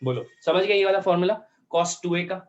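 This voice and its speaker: A man teaching a math lesson in Hindi with English terms, working through steps aloud and slowing down to dictate formulas. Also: high voice, dull audio. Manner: talks through steps aloud, checks in with students often; slows right down to dictate formulas.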